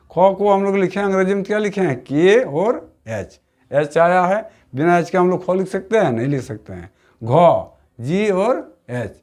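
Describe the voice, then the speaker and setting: A man teaching a grammar lesson for exam prep. He keeps asking the class questions, answers them himself, and stretches key sounds out slowly. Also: a little high. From Jharkhand.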